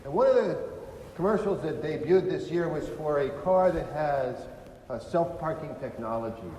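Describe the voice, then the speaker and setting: Californian deacon, fairly high voice, homily recorded in a reverberant church with faint ambience. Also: male voice, a little hiss or hum. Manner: conversational, asks rhetorical questions. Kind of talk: Sunday homily. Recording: echoey church with long reverb.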